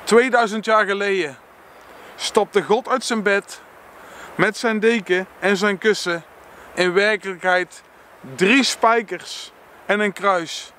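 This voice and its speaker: Dutch male reader, higher voice, earnest, faint traffic behind. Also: steady tone, bright, forceful tone. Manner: slow earnest reading, stumbles and self-corrects. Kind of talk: reading a book passage aloud with personal reflection.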